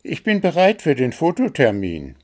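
Guy putting on a high chirpy little bird, full of himself, storybook voice. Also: wildly swooping pitch, moderate pace. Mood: vain, eager. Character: vain little blue male bird. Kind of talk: storybook character voice.

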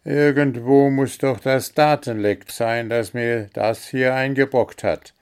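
A man's voice: medium pitch, fairly even intonation, takes it slowly, smooth, voice pushed up. Man doing a vain scolding gnome. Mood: scheming. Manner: sharp, scolding, self-important. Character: vain, prickly male gnome, quick-tempered.

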